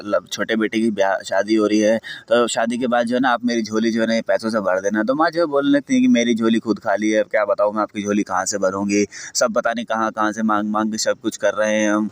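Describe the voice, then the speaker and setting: A man races through a recap of a serial episode, voicing each character's lines in his own plain voice. His tone is low and clean, and the recording is dry and close with no room sound. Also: no room sound. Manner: retells scenes, quoting characters in his own voice; heavy use of filler phrases. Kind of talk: casual spoken plot recap.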